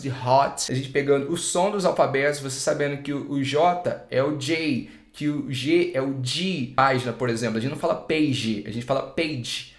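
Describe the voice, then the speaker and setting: A young Brazilian man gives an informal English lesson, sounding relaxed and easygoing. He repeats example words slowly to demonstrate them. His voice sits a little high, and the room adds a noticeable echo. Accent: Brazilian Portuguese. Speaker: English teacher. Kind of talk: casual spoken English lesson. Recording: roomy echo.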